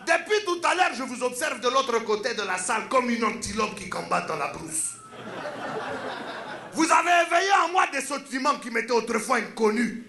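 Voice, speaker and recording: A man voicing a smooth-talking African man with a West African French accent, giving flowery, boastful dating advice. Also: very high voice, sing-song, moderate pace, bright, forceful tone, echoey room, heavily acted. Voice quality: grandiose, flowery, emphatic.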